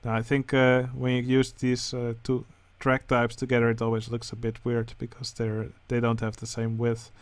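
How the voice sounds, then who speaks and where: Dutch guy talking thru game entries, lots of uhs, pretty monotone, mid pitch. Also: normal speed, hardly any pauses, clear, resonant tone, no room sound. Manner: hesitant, many filler sounds. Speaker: channel host judging a building contest. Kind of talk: casual game commentary.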